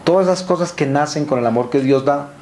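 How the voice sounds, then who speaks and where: A man's voice: on the high side, fast talker, a little mellow, slight background noise. A man preaching a sermon, emphatic and repetitive, asking the listeners questions and answering them himself. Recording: echoey room with faint ambience.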